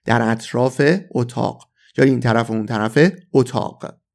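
A man giving a language lesson in a mid-range voice with a gravelly, creaky edge. He reads example sentences slowly and repeats them for the listener. He puts upbeat stress on the key points. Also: medium pitch, level tone, a little mellow. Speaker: English teacher.

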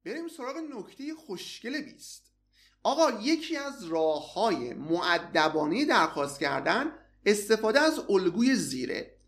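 A man teaching English in a recorded lesson, explaining patiently and saying example phrases slowly and repeatedly. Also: sits high, sing-song, a bit bright.

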